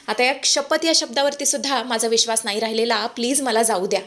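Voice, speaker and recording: A proud young wife who refuses to stay, firm but pleading, as a woman narrator reads her lines. The voice sits slightly high. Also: quick pace, a bit bright, natural voice.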